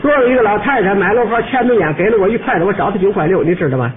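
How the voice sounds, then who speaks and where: A man playing a brash, rude male shop clerk, talking in a scornful, sharp-tongued way in a comic monologue. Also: sits high, animated, racing, crowd noise. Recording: tinny old radio recording with faint hiss.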